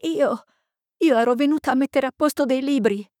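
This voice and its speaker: A woman reading the part of a young female librarian who stammers in shock, her voice rising high. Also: moderate pace, a little mellow, no room sound, studio quality. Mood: panicked.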